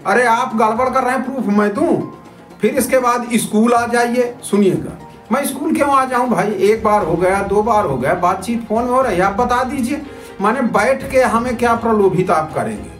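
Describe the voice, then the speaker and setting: Speaking at a moderate pace in a very high-pitched voice, a man presents a citizen journalist's video report. His talk to viewers is informal and argumentative, repetitive, and heavy on rhetorical questions, with roomy echo and music beneath.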